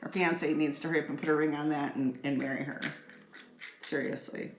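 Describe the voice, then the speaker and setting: Speaking a little fast in a low, fairly even voice, this middle-aged makeup vlogger rambles playfully through a chatty tutorial addressed directly to her audience. The room echoes, and faint music plays in the background.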